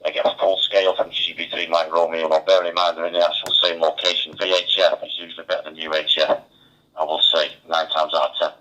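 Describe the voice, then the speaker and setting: Over a dull, band-limited two-way digital radio link, an amateur radio operator at a mobile station chats casually. His voice is extremely low-pitched with a sharp tone.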